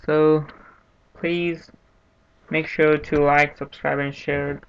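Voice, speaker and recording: A man hosting a screen-recorded programming tutorial, talking in a monotone, unhurried way and thinking aloud with restarts. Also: fairly high pitch. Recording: dull lo-fi mic with faint hiss. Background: keyboard typing and clicks.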